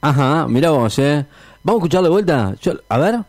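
A man's voice: on the high side, fairly quick, dry recording. Playful Argentine radio host man. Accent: Rioplatense Spanish. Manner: animated, playful, laughing along. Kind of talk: comedic radio chat.

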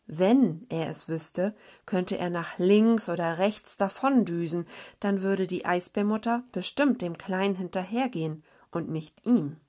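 A woman reading a children's story aloud in a calm, measured way. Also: on the low side.

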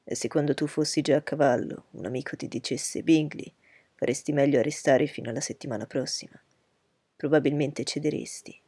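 A proud, reserved aristocratic gentleman from a storybook reading speaks coolly, weighing each word as he lectures, as a woman reader puts him on. The tone is low, husky and dark, recorded dry and close. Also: steady tone, no echo. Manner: cool, measured, lecturing.

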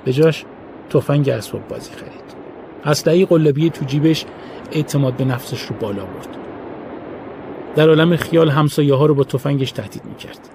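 A man reading a story aloud in a steady, measured audiobook narration. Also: on the high side, creaky, noisy background.

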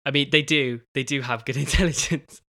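A young man hosting his own podcast in a casual solo talk, halting, with many pauses and restarts. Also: medium pitch, steady tone, bright, forceful tone, no echo, studio quality. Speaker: podcast host.

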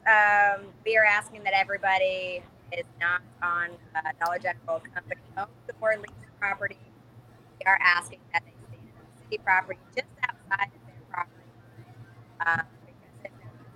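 Lady on a buzzy glitchy call, bright voice, robot-y dropouts, lotta ums, faint hiss behind. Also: medium pitch, poor audio. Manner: earnest, lots of um fillers. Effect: glitchy robotic call audio that cuts out. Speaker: strike organizer guest. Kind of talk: casual livestream call.

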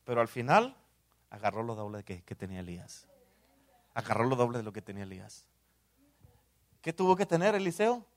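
Mexican spanish preacher guy in church, goes quiet then loud, keeps saying amen, kinda high voice. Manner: swings between hushed asides and loud exclamations, repeats "amén". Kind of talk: sermon.

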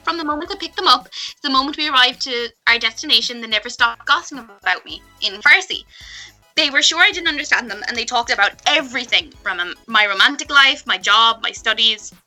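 A woman's voice: a little high, lively intonation, brisk, sharp tone, faint music behind. A woman co-hosting a casual chat, blunt and casually swearing, reading stories aloud.

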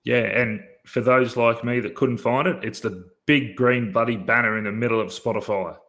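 A man's voice: medium pitch, fairly even intonation, normal speed, a bit bright. An Australian man hosting a casual betting podcast, talking in a blokey, colloquial way. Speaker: podcast host.

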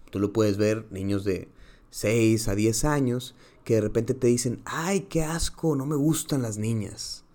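A man's voice: mid-range voice, mellow. A man, a psychologist explaining ideas with small acted-out dialogues. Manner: acts out little dialogues in varied voices.

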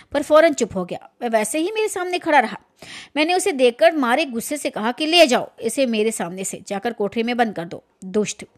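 A woman reading a literary short story aloud, then talking it over in her own words with some hesitation. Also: sits high. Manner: reads dramatically, then comments with fillers.

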